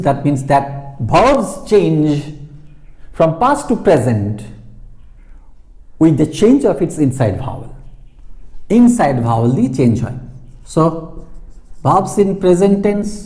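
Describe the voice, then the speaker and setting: A man with a Bengali accent teaching English grammar, slowly repeating and spelling out words and switching between Bengali and English. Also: fairly high pitch, mellow. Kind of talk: classroom grammar lesson.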